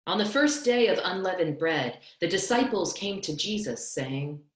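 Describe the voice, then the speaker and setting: A young woman with a notably low voice reads scripture as narrator. Her delivery is measured and solemn. The sound is a roomy, echoing video call from a small home room. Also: lively intonation. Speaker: clergy member reading as narrator. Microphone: computer on a video call.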